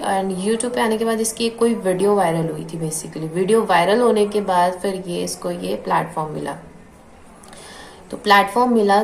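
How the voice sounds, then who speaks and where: A woman's voice: medium pitch, a little mellow. A woman vlogger giving an earnest, indignant opinion, repeating the same filler word often. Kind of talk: opinionated commentary vlog. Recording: echoey room with clear background noise.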